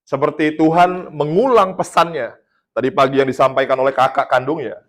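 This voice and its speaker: An Indonesian pastor with a fairly high, steady voice at a normal speed preaches a casual sermon. He tells a testimony in a chatty, storytelling way and laughs at his own jokes.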